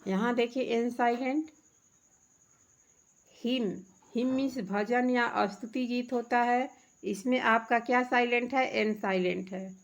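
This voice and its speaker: A woman's voice: a little high, steady tone, a little slow. A woman teacher, patiently explaining a workbook lesson to children, asking questions and answering them herself.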